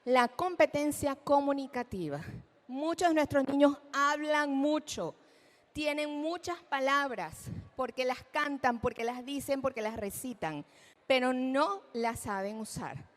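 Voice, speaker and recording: A woman giving a lecture at a live event, animated, asking the audience questions and acting out examples. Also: measured pace. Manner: acts out children's speech in a high voice. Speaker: speech therapist giving a talk. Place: event hall.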